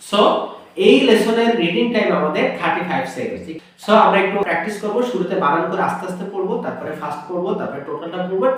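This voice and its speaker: A man teaching Arabic letter pronunciation, explaining step by step and drawing out each sound slowly to demonstrate it. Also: high voice, far from the mic. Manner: asks the viewer questions, then answers them himself. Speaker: Quran teacher. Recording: very echoey room, voice from off the mic.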